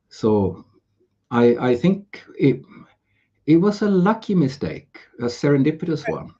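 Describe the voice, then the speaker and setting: A man's voice: fairly low pitch, a little mellow, breathy edge, lo-fi sound. A man from Sweden, a guest on a casual video-podcast interview, talking in a jovial, joking way that drifts into tangents. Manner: jovial, tangent-prone, laughs easily. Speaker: podcast guest, pharma business advisor. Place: home room with air conditioning.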